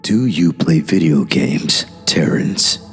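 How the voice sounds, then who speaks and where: A man voicing a smug, deliberate male devil who lectures in a monotone, in a horror story reading. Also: very deep voice, heavily acted. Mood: smug lecturing. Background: music.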